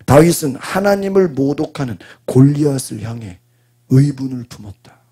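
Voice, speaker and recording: A man preaching a sermon as pastor, prompting the congregation with quick questions and answering them himself. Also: medium pitch, expressive, dark tone, husky. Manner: call-and-response preaching, frequent prompting asides.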